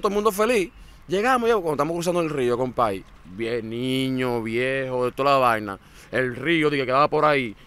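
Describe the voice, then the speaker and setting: Telling his story as a guest in a laid-back interview, this man with a Dominican accent gets animated, repeats himself and plays out other people's words. His mid-range voice is clear and resonant.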